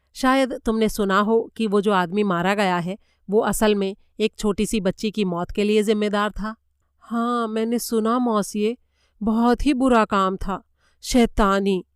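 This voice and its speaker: A woman's voice: mid-range voice, clear, resonant tone, no room sound, studio quality, lightly acted. A woman voicing a flustered, earnest German lady's maid in a story reading, pleading and insistent in manner. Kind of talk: audiobook character voice.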